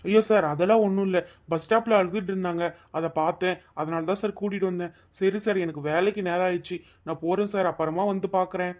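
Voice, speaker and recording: A woman's voice: fairly low pitch, fairly even intonation, fast talker, few pauses, darkish tone, natural voice. Woman doing a polite helpful young man. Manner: polite, reassuring.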